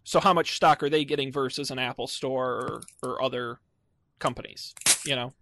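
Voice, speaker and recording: A man's voice: medium pitch, steady tone, normal speed, background noise. A man hosting a casual tech podcast, chatty and wry, with lots of fillers. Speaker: podcast host.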